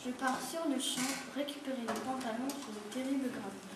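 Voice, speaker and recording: Small puppy knight in a storybook, read by a woman, fairly high, with noise behind. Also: a little fast, natural voice. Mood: earnest. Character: small brave-talking male puppy knight. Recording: echoey room, far from mic, noisy.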